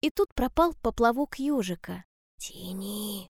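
A woman telling a children's story in a calm, gentle and measured way. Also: on the high side, no echo, studio quality.

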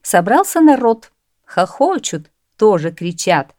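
A woman narrating a folk tale in a measured, expressive storybook reading. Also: medium pitch, no room sound, clean studio sound.

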